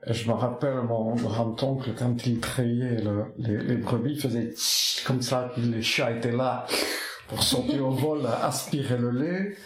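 An artist from the Basque Country, whose first language is Basque, reminisces reflectively in an interview, speaking slowly, softly and poetically. He halts and restarts his phrases often while searching for images. His ordinary-pitched voice is steady and surrounded by a roomy echo.

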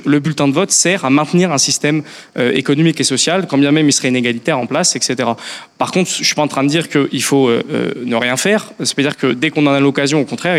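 Male politician guest, quick and hesitant delivery, long reverb in a hall. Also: mid-range voice. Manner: thoughtful, many hesitations and restarts. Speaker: member of parliament guest. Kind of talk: political discussion.

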